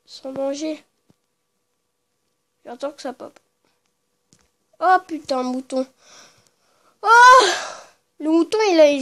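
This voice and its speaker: A woman's voice: high voice, a bit bright. A woman giving casual commentary on her game, muttering to herself and the creatures, then breaking into startled yelps and swearing. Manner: chatty with viewers, talks to the game creatures. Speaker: let's play gamer.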